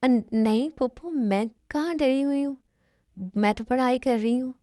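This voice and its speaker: A woman's voice: sits high, moderate pace, warm tone, no echo, clean studio sound, close to an everyday voice. A woman voicing an anxious young woman who keeps her marriage secret, talking in a worried, hesitant way. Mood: nervous. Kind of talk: amateur Hindi fan dub.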